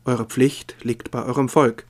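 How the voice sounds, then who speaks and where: A man's voice: mid-range voice, little pitch movement, unhurried, lightly acted. A man reading as a grave warrior king. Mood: stern. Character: grave heir of kings, stern male warrior.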